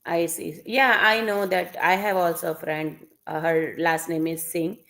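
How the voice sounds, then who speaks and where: Gravelly-voiced woman guest, hesitant. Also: lowish voice, level tone, measured pace, fairly bright tone. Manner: hesitant, many fillers and short agreements. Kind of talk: casual live-stream chat.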